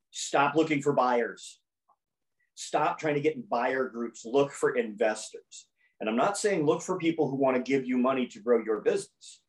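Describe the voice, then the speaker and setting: A man speaking as a guest on a podcast, coaching on sales. He talks in an emphatic, animated way and repeats key phrases to drive them home. His pitch sits at an everyday middle level. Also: rough recording. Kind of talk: conversational interview.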